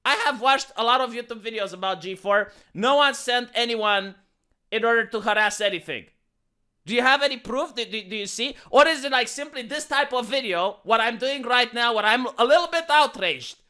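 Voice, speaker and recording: A man's voice: very high voice, moderate pace, pushed and bright, clean tone. A YouTuber man ranting in sarcastic, indignant commentary, often repeating words as he gets worked up.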